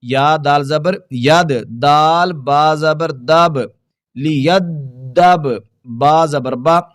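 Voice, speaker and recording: A man gives a tajweed lesson in a slightly high, smooth and crisp voice. He explains difficult words at a quick clip, then slows into drawn-out, melodic recitation. The sound is close and dry. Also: steady tone, dry recording. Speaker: Quran recitation teacher.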